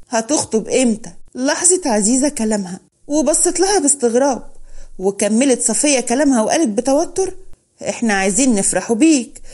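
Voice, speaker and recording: A woman with an Egyptian accent narrating a romantic story in a smooth, dramatic telling. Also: high-pitched, mellow.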